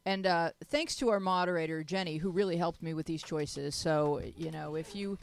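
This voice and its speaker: A woman's voice: on the low side, moderate pace, vocal fry. A middle-aged woman hosting a casual talk show, playful and jokey, speaking into a handheld mic in a small home studio. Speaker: host. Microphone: handheld mic, headphones on.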